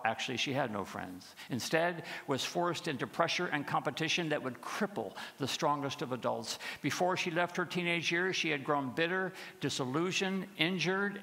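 Bright, gravelly male preacher in church. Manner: rhythmic, building repetition, dropping low for dark passages. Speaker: pastor. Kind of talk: sermon. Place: large church sanctuary with choir behind. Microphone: pulpit microphone. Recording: long reverb of a large church.

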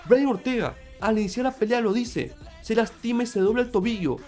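A man's voice: extremely high pitch, animated, brisk, a little mellow, soft background music. A man commenting on a fight in an opinion video, talking emphatically to his viewers while he has a sore throat. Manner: emphatic, repetitive, addresses viewers directly. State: sore throat, slightly feverish. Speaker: MMA commentator.

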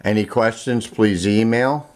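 A man with a lowish voice stands behind a handheld camera, out of view, demonstrating an item he sells online. The setting is a room in a home, his talk is unscripted, plain, and halting, and music from audio equipment plays in the background.

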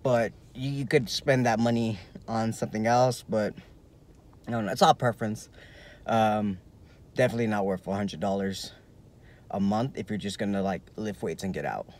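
A man's voice: on the low side, steady tone, normal speed, a little mellow. Young man vlogging from his car. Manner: loose and rambling, leans heavily on "like". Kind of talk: casual vlog review. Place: inside a parked car. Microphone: phone held at arm's length.

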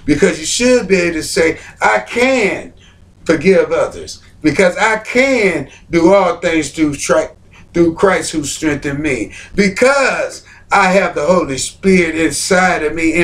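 High-pitched guy preaching a sermon, repeats himself a lot, praise shouts here and there, mic kinda far off. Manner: fervent repetitive preaching with praise interjections.

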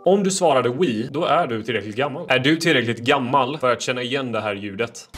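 A man presenting fast quiz and fact clips for social media, with quick, punchy delivery and deadpan pun jokes. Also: mid-range voice, loud music behind the voice. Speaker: TikTok creator.

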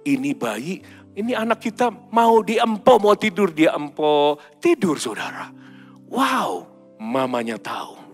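A middle-aged male pastor preaching a sermon in an animated, storytelling way. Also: fairly high pitch, slow. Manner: animated preaching with sudden loud mimicked baby cries. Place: large church hall. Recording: hall reverb with faint music.

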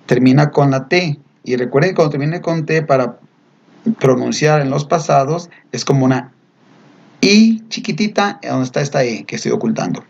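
A man teaching English verbs to Spanish speakers, repeating each word slowly and explaining patiently. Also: mid-range voice, expressive, creaky, a little mellow. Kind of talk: slow pronunciation drill with explanations. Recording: dull lo-fi recording.

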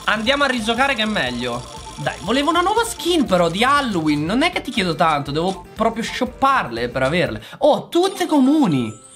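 Excitable man with a lively, bouncing voice. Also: high-pitched, a little fast, soft background music. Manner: excitable, exclamatory, talks straight to viewers. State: voice going hoarse. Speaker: gaming channel host. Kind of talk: casual gameplay commentary.

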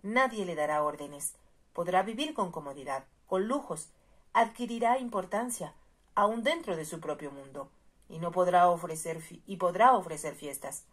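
An indignant young marquis full of aristocratic pride, as a woman narrator reads him in a low, husky voice. He speaks forcefully and sounds exasperated, as in a storybook reading. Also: animated, normal speed. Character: proud angry young male marquis.

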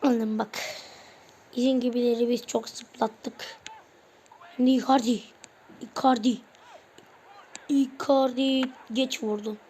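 This gaming channel host offers relaxed play-by-play on a football video game she's playing, firing off player names in short bursts and grumbling when things go wrong. Her voice is a little high and warm, steady in tone, slow, with long pauses. A faint hiss or hum runs underneath.

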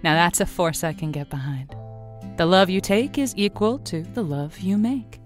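An actress voices a wry, feisty late-night radio advice host with a fairly low-pitched, natural-sounding voice, lively intonation and normal speed. Her manner is playful and musing in this fiction podcast staged as a late-night radio monologue, with soft music in the background.

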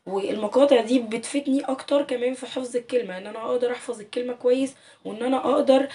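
A woman's voice: fairly high pitch, rapid-fire, mellow, distant mic. A woman with an Egyptian Arabic accent giving a casual online English lesson, explaining patiently and stretching out sample words. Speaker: English teacher.

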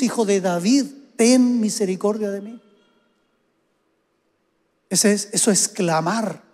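A man preaching a sermon as pastor to his congregation, often building to fervent, drawn-out calls. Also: high voice, darkish tone. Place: church sanctuary. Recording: hall reverb.

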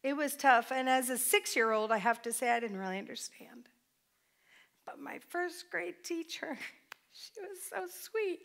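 A woman's voice: sits high, expressive, a little slow, gravelly. A middle-aged woman pastor giving a heartfelt sermon in a church hall, picked up by a distant microphone. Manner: heartfelt, tearful at times, with soft laughs. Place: church hall with a small stage.

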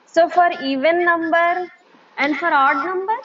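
High-voiced Indian female student, distant. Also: measured pace, a bit bright. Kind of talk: brief hesitant replies in a lesson. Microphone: online call, far from microphone. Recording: distant, muffled, noisy online call.

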